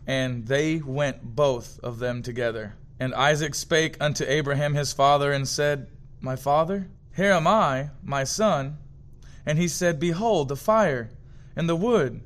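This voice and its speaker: Man reading scripture aloud steadily. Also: mid-range voice. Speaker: scripture reader.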